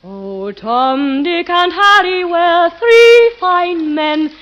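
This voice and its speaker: A woman's voice: extremely high pitch, expressive, a bit bright, exaggerated voice. A wistful singing village girl. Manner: slow, wistful ballad singing. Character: lovelorn young village woman singing while scrubbing. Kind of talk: 1950s radio play singing. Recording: dull old radio broadcast with faint music.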